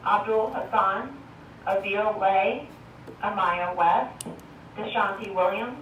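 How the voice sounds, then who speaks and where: A woman making a school intercom announcement, reading out a list of names over the loudspeaker. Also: mid-range voice, takes it slowly. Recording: echoey distant loudspeaker with faint hiss.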